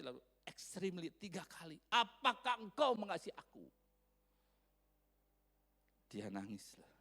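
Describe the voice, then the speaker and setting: A man preaching a sermon in church, animated, swinging between loud emphasis and quiet asides. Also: mid-range voice, gravelly. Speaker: pastor.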